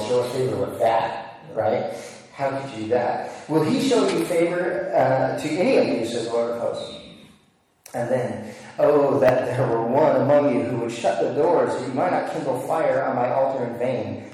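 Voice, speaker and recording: A man's voice: medium pitch, moderate pace, dark tone. Preaching man in an echoey hall. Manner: earnest, emphatic preaching with rhetorical questions. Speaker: pastor. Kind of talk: sermon. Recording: echoey hall, mic at a distance.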